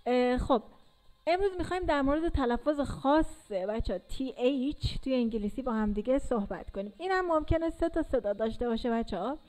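A woman's voice: high-pitched, a little mellow, rough recording. A woman teaching English to learners in a casual classroom style, patiently repeating and drilling sounds.

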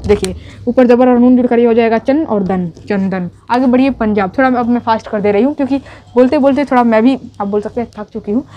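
A woman teacher explaining a writing lesson slowly and patiently, repeating each step and checking in with her students. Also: a little high, warm tone. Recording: dull lo-fi audio.

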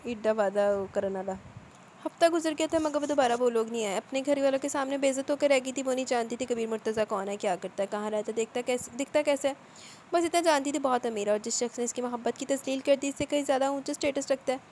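एक औरत नाटकीय अंदाज़ में उपन्यास की कहानी सुना रही है।. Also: female voice, sits high, quick pace, darkish tone, slight background noise. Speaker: novel narrator. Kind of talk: scripted narration of a novel.

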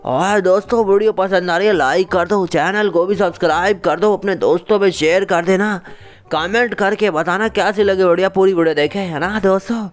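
A man's voice: high-pitched, normal speed. A man hosting a gaming channel, giving chatty gameplay commentary, speaking to viewers as friends and firing back whiny comebacks.

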